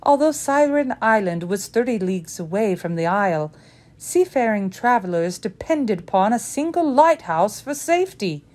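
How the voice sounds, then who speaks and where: A woman's voice: mid-range voice, big pitch swings, normal speed, a little mellow. A woman reading a storybook tale aloud in a dramatic, old-fashioned telling.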